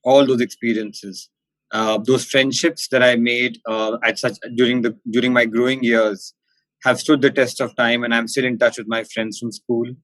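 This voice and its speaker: A man with a posh, educated Indian accent, giving considered interview answers in formal, articulate diction with hesitant pauses. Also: mid-range voice, level tone, a bit bright, dry recording, poor audio. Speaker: interview guest, company managing director.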